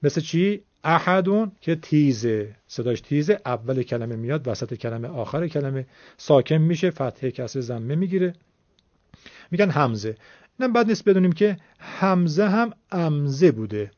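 A man's voice: fairly high pitch, animated, a little mellow, no echo, highs cut off. A man teaching Quran recitation, explaining patiently and formally step by step. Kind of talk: classroom-style explanation.

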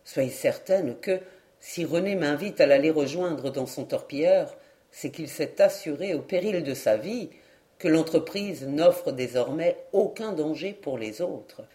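A woman voicing a kindly middle-aged male doctor who speaks in a measured, reassuring, good-natured way in an audiobook. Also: deep voice, lively intonation, dark tone, pitched below the performer's own voice.

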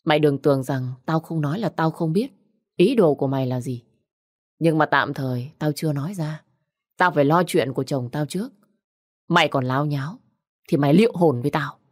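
A woman's voice: low voice, a little fast, dry recording, studio quality. A woman voicing a fierce young widow who scolds and threatens sharply. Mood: furious.

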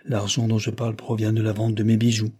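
A man reading an audiobook voices a distraught young aristocratic woman who has fled her husband, speaking softly and with shame. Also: fairly low pitch, monotone, fairly quick, slightly rough. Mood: proud.

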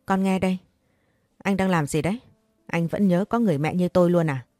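Storybook role: a loud, sneering, vindictive mother, voiced by a woman narrator, low warm tone. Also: brisk, no echo, studio quality, faint music behind, natural voice. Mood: indignant. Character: scornful vindictive middle-aged mother.

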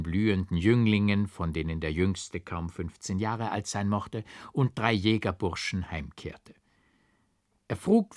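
A man with a fairly low voice reads classic fiction aloud with deliberate, rhythmic stress. The sound is close and very dry, with no room around him. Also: dry recording. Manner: measured, strongly rhythmic and carefully stressed. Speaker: audiobook reader. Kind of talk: literary audiobook narration.

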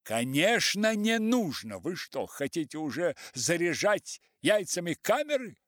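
Man voicing an older professor over 60, irritable and scornful, louder and higher than the narration. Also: very animated, unhurried, dry recording, clean studio sound, full character voice. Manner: snappish and scornful.

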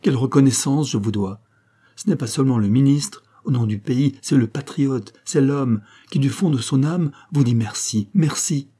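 A man voicing an excitable male government minister in an audiobook, with an emphatic, agitated delivery. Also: medium pitch, normal speed, slightly rough, natural voice. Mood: elated. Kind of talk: audiobook character reading.

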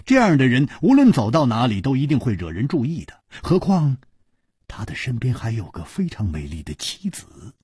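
A male storyteller reading a martial arts novel aloud in an animated, expressive broadcast style. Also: medium pitch, normal speed, husky, dry recording, studio quality.

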